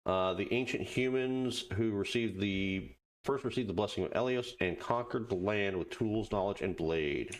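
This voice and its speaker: Reading the on-screen text out loud and mumbling hesitant remarks to himself, a man with a lowish voice hosts a casual let's play gaming video.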